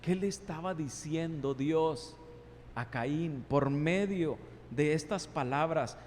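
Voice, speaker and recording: A man's voice: on the high side, slow, darkish tone, slight background noise. A male pastor preaching an impassioned sermon, asking many rhetorical questions and voicing God's replies. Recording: long reverb in a large hall, faint ambience.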